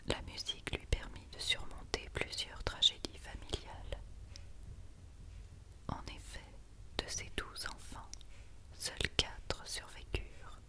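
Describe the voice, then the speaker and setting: A woman gives an ASMR storybook reading entirely in a whisper. Her delivery is breathy and unvoiced, with no full tone. It stays hushed and quiet, suited to night-time listening. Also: takes it slowly, long pauses. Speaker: ASMR reader.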